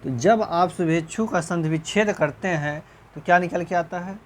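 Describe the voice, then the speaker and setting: A Hindi teacher gives a recorded exam-prep grammar lecture, going over points slowly and repetitively and often clearing his throat. He checks understanding with rhetorical questions, his voice dropping low at the end of answers, with a little hiss or hum in the audio.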